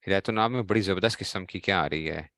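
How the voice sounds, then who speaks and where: A man's voice: low-pitched, very fast, a bit bright, dry recording, clean studio sound. A man with a Pakistani Urdu accent teaching a grammar class, explaining step by step and quizzing his students as he goes. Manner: explains in a question-and-answer style, quizzing students.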